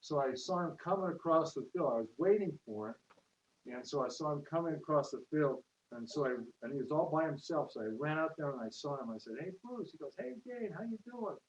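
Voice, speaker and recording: At an open house, a network marketer gives a casual testimonial, rambling through stories and quoting people in raised voices. His voice is on the high side and brisk, captured on a distant, roomy, lo-fi livestream with hiss.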